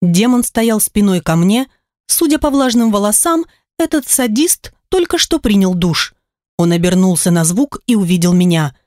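A woman reading a first-person fantasy audiobook with lively, expressive delivery. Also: medium pitch, moderate pace, dry recording, studio quality. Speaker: audiobook narrator.

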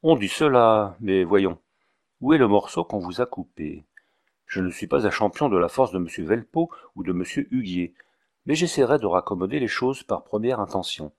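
A man's voice: lowish voice, lively intonation, moderate pace. A man voicing a fussy, long-winded male village doctor who speaks in a pompous, ceremonious way.

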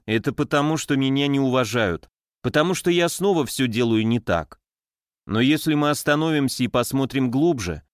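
A man giving a calm, measured psychology lesson, speaking directly to the listener in scripted narration. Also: medium pitch, no room sound, studio quality. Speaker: psychology lecturer.

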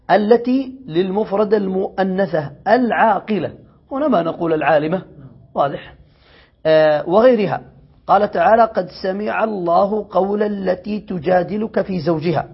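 A high-pitched man with a gravelly, husky voice teaches a classical grammar lesson. He reads passages from the text, then explains them and keeps checking that his students follow. The recording is dull and lo-fi. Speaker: sheikh teaching Arabic grammar.

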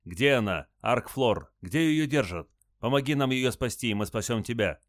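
In an audiobook, a man voices a stern starship captain, firm and commanding. His medium-pitched delivery has lively intonation at a normal speed, pitched above his own voice yet close to an everyday one, recorded clean in a studio with no room sound.

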